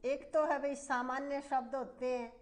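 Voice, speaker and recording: A woman's voice: sits high, steady tone, normal speed. A woman teaching a grammar lesson for exam students, explaining at length and repeating points, often calling her students "bhai".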